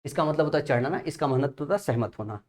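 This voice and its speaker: A man's voice: fairly high pitch, lively intonation, fast. A young man teaching a vocabulary lesson, explaining patiently and asking his students rhetorical questions while writing on a board. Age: young adult father. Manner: often checks in with "theek hai na". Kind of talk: classroom-style vocabulary lesson.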